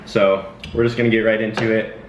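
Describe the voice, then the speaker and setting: A man's voice: on the low side, flat delivery, fairly quick, background noise. A twenty-year-old man hosting a casual Q&A at home, talking in a laid-back, rambling way with lots of fillers. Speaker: channel host. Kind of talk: casual Q&A chat. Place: indoors at home. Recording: echoey room, distant dull mic.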